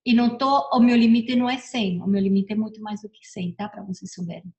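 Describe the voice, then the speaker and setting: A woman's voice: mid-range voice, steady tone, brisk, a little mellow, muffled recording. A middle-aged woman giving a casual motivational talk, chatty, often repeating and correcting herself. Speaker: personal development speaker. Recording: echoey room.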